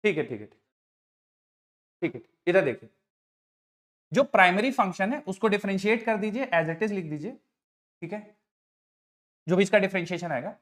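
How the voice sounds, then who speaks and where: A man's voice: high-pitched, expressive, normal speed, long pauses, fairly bright tone. A middle-aged man teaching maths to a class, patient, often checking whether the students follow on the terms. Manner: patient, addresses students as children, asks frequent check questions.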